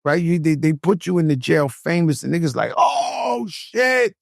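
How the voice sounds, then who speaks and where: High-voiced, animated middle-aged male host. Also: vocal fry, dry recording, clean studio sound. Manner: animated storyteller, profane, quick to act out other people's reactions. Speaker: podcast co-host. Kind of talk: casual chat.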